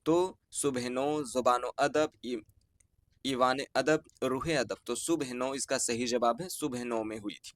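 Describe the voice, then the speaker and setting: Brief: male teacher, Urdu-inflected Bihari Hindustani accent, reads exam options slowly and repeats answers, mid-pitched voice, dry close sound. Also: no room sound. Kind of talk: online exam answer-key lesson.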